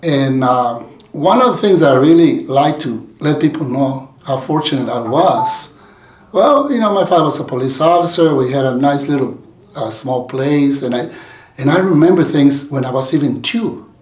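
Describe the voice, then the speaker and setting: A man's voice: medium pitch, lively intonation, normal speed, darkish tone. A man from Mexico telling his life story in an interview, rambling with many restarts and fillers. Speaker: community leader guest. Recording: roomy echoey sound.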